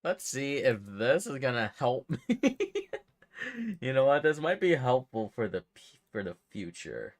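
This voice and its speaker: A man's voice: medium pitch, sing-song, unhurried. A young man giving casual, joking commentary over a video game, profane and laughing often. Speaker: gaming video creator. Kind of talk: casual gameplay reaction commentary. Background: game music.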